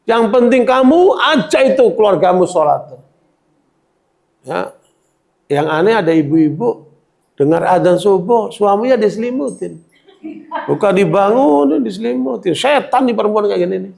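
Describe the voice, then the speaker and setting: A man's voice: sits high, expressive, normal speed, vocal fry, long pauses, darkish tone. A man giving a religious lecture to women, talking colloquially and often checking in with the audience. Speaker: Islamic preacher.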